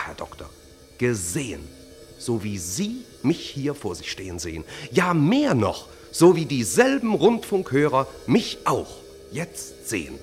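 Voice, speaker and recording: A theatrical stage magician, mocking and vengeful, in an old-style radio play. His voice swoops hugely from low murmurs to high exclaims. He talks slowly and hypnotically, as if casting a spell. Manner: slow, hypnotic, commanding delivery. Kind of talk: vintage radio play acting.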